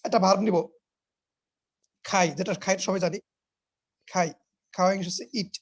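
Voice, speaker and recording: A man's voice: high voice, steady tone, normal speed. A man teaching English grammar in an online class, explaining patiently, repeating his points, quizzing students and mixing English words into his talk.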